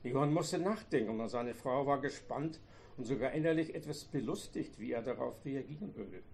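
A man reading a novel aloud in a calm, measured way. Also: mid-range voice, a little hiss or hum.

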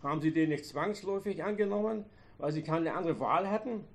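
A man voicing a retired old farmer who complains loudly and sarcastically about his grown children. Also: a little high, expressive, brisk, pitched above the performer's own voice. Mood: reproachful. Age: older. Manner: loud, reproachful, sarcastic.

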